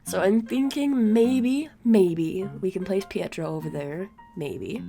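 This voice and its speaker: A young gaming YouTuber, congested and sore-throated, records a chatty, rambling voice-over about her game from her chair at a home desk mic. Her mid-range voice is creaky and mellow, slow and tired, with soft music playing behind it.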